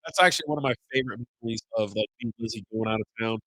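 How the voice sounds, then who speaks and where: Congested from a cold, a middle-aged man hosts a beer podcast live stream, his slightly raspy voice rambling through loose, casual chat with some mild swearing. He speaks very fast in a mid-range, sharp tone. The audio is poor, with no room sound.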